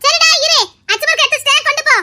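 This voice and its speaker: Bossy Tirunelveli village aunt, very high and bright, fast-talking, scolding, played by a woman. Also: steady tone, a little hiss or hum, full character voice. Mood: insistent. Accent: Tirunelveli Tamil. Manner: scolding, insistent. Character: fussy, bossy middle-aged village aunt.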